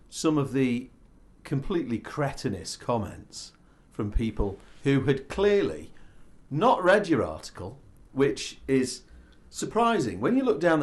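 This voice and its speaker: Animated, sardonic man co-hosting. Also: medium pitch. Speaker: podcast co-host. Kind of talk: casual chat and banter.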